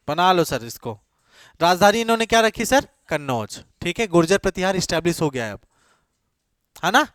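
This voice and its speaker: High-voiced man teaching an exam-prep class. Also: a bit bright, dry recording, studio quality. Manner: quizzes students with repeated questions, then answers himself; mixes English phrases into his talk. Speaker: coaching teacher.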